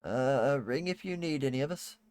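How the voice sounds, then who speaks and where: A flustered servant woman in a tabletop fantasy game, acted out by a man. The speech stammers and apologizes, eager to obey. The pitch sits lifted, with a meek, deferential manner. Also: expressive, a little fast, a little mellow, clear, resonant tone, lightly acted.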